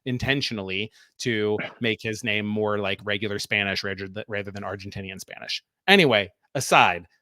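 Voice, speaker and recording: A man's voice: on the low side, normal speed, few pauses, sharp tone, dry recording, studio quality. A man co-hosting a soccer podcast, explaining tactics and walking through plays step by step in a casual, analytical way.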